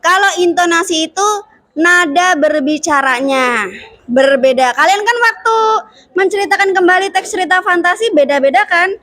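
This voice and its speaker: A woman's voice: extremely high pitch, moderate pace. A woman teacher in a classroom, explaining steps to her students and teasing them with questions. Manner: lively, asks the class questions and teases. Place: school classroom.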